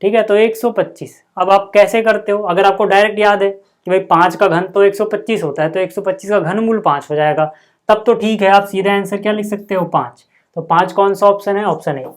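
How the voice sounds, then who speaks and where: A man's voice: high voice, fairly even intonation, brisk. Guy teaching maths, casual and chatty, keeps saying okay and checking in with the kids. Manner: chatty, repeats "ठीक है", calls viewers "भाई" and "यार". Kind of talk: casual classroom explanation.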